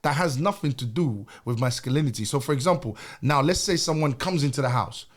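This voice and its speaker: Young adult male podcast co-host, casual debate, emphatic and repetitive, mid-pitched. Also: animated, brisk. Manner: emphatic, repeats himself, laughs between points.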